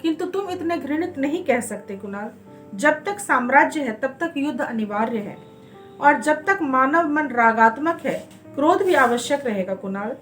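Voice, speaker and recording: A woman's voice: high-pitched, animated, moderate pace, faint music behind. Woman reading as a cackling cruel prince. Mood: fierce. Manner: loud mocking laughter, forceful declaiming. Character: laughing, cruel young prince, war-hungry.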